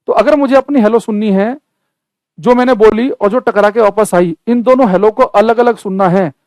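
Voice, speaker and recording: A man's voice: high voice, darkish tone, no echo, low-quality recording. A man teaching a physics lesson, explaining step by step and asking his students questions. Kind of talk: classroom physics lecture.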